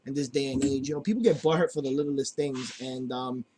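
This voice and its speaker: A man's voice: mid-range voice, steady tone, fairly quick, dark tone, a little hiss or hum. A man hosting a homemade podcast from a basement, talking loosely and rambling with lots of fillers. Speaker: podcast host. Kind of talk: casual podcast chat. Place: home basement.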